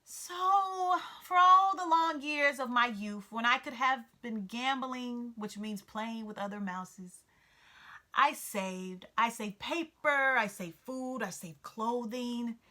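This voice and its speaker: Whiny little storybook mouse guy, fussy and sentimental, a lady doing the voice, higher and louder than her narrating, bright tone. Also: slow. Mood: pitiful. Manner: whiny, pitiful, dramatic pleading. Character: anxious, fussy, sentimental male mouse, a penny-saver. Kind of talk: storybook read-aloud character voice.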